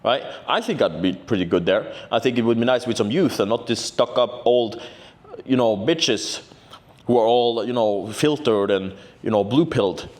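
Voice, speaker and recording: A man's voice: medium pitch, moderate pace, darkish tone. A man, telling a story to camera in a brash, boastful, profane way, often tagging "right?" onto his sentences. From Norway. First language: Norwegian. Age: 20s. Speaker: vlogger. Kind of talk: casual storytelling vlog.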